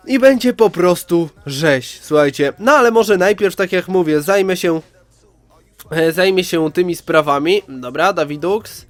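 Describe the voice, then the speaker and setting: A man's voice: sits high, no echo. A man with a congested, nasal voice from a head cold, chatting casually to viewers as he hosts gaming commentary. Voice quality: nasal, stuffed-up voice. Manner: chatty, addresses viewers directly. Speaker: gaming video host. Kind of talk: casual let's-play commentary.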